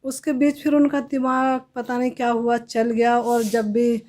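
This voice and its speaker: A woman telling her own life story as a testimony in an interview, in a plain, halting way with many restarts. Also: fairly high pitch, flat delivery, darkish tone. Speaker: testimony giver.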